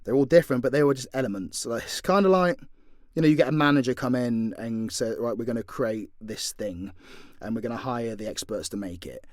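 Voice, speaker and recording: Fielding fan questions unscripted, this British man, a voice actor and content creator, is blunt and jokey and swears a lot. He speaks at a medium pitch and fairly quickly, in clean studio sound with no room sound.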